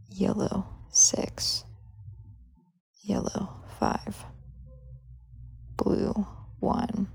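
A woman hosting a sleep podcast, whispering slowly and softly as she reads lists item by item. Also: mid-range voice. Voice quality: breathy, husky whisper. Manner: slow soft whisper, reading list items one by one. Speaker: podcast host.

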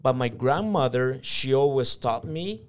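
A man's voice: mid-range voice, lively intonation, measured pace. A man from El Salvador, telling his life story as an interview guest in an earnest, reflective way with hesitant fillers. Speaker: interview guest, company manager.

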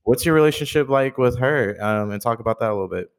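A man's voice: mid-range voice, fast, clear, resonant tone. A man hosting a podcast, asking questions in an easygoing, supportive way with casual slang. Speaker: podcast host. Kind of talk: casual interview chat.

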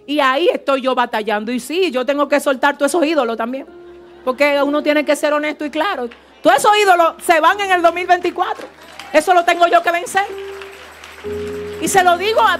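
A woman pastor preaching a fervent, animated sermon in a church service, with asides to the congregation. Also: very high-pitched, moderate pace, soft background music.

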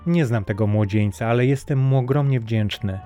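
A man's voice: mid-range voice, moderate pace, mellow, soft background music, lightly acted. A man reading a storybook, voicing an older, jovial king who speaks fondly and jokingly. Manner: fond and joking.

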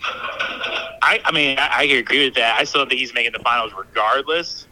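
A man's voice: mid-range voice, moderate pace, crowd noise. Man talking over a phone speaker. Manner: relaxed, sure of his opinions. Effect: heard over a phone on speaker. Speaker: phone-in guest. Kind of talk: casual sports chat. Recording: phone speaker audio, a bit distant.

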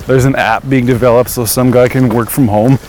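A man's voice: mid-range voice, fairly even intonation, brisk, a little mellow, a little hiss or hum. A man co-hosting a podcast, chatting casually while walking outside, dry and profane, laughing often. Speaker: podcast co-host.

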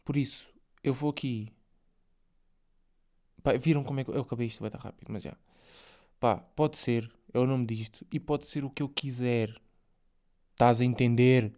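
A man's voice: mid-range voice, steady tone, normal speed, long pauses, warm tone. A young man with a European Portuguese accent hosting a casual solo podcast, rambling in slangy, filler-heavy speech with swearing. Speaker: podcast host.

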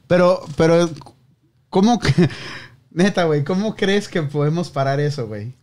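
A man's voice: on the high side, animated, normal speed, darkish tone. A man, pressing his co-hosts with questions in slangy casual podcast talk. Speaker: podcast co-host. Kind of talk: casual chat.

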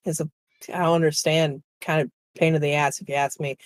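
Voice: mid-range voice, level tone, brisk, no echo. A game master narrating a tabletop roleplaying game in a casual, sweary way, sex not obvious from the voice. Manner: casual, profane.

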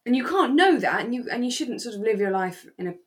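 A woman co-hosts a podcast, casually reviewing a radio drama in a slightly high, very animated voice at a quick pace. She hedges and thinks out loud, reflecting as she talks.

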